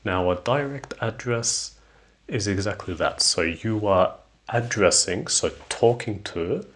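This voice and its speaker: A young man with a low, deep voice teaches English intonation. He talks slowly and deliberately, stretching out his example phrases so each rise and fall is easy to hear. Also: fairly bright tone. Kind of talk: scripted English lesson.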